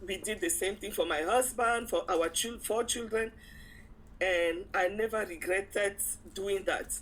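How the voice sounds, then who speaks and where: A woman's voice: medium pitch, measured pace, slight background noise, low-quality recording. A woman guest in an interview, telling a personal story casually and acting out the dialogue as she goes. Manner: animated retelling with acted-out quotes and frequent chuckles.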